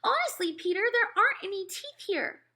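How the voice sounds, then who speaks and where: Lady doing a dramatic bossy little girl, exclaiming and plaintive, really high voice, storybook. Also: lively intonation, fairly quick, bright, forceful tone, exaggerated voice. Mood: distressed. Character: bossy, dramatic, shrill schoolgirl, easily upset.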